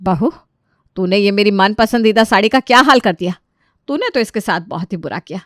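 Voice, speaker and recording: A woman voicing a bossy mother-in-law in a cartoon story, loud and scolding. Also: sits high, lively intonation, moderate pace, smooth, no echo, studio quality, voice pushed up. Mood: angry. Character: bossy mother-in-law who loves her sari.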